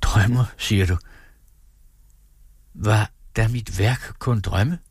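A man's voice: fairly low pitch, slightly rough, no echo, voice pushed up. A man reading aloud, voicing a brooding, troubled middle-aged man who speaks earnestly and unsurely.

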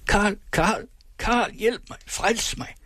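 A man's voice: slightly rough, no echo. Man voicing a shrieking mad woman patient. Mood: pleading. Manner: shrieking, hissing, wildly pitched. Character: frantic mad woman patient, raging and pleading. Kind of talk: audiobook reading.

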